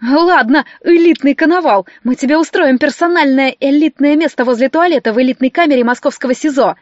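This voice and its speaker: A woman reading an audiobook voices a fiery, brash young woman who talks loudly, threatening and mocking. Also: high-pitched, expressive, fairly quick, dry recording, muffled recording. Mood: aggressive.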